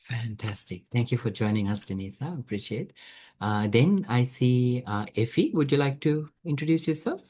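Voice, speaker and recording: A man's voice: medium pitch, lively intonation, moderate pace, dark tone. Hesitant male webinar host. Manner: hesitant, with many fillers and restarts. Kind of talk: hosting an online group session. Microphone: video call.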